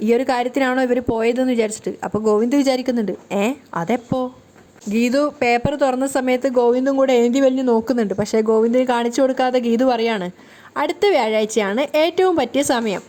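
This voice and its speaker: Fast-talking woman retelling a serial. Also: a little high, steady tone, a little mellow. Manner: retells scenes, quoting characters in her own voice. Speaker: serial episode recapper. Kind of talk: casual storytelling recap.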